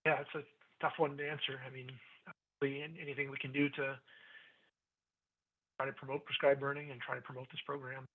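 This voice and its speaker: A man's voice: medium pitch, little pitch movement, brisk, pauses often. A man answering as a panelist in a remote meeting, hesitant and repeating words, his audio cutting out every few words. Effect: cutting-out call audio, dropping words. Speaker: workshop panelist. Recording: choppy tinny call line, distant.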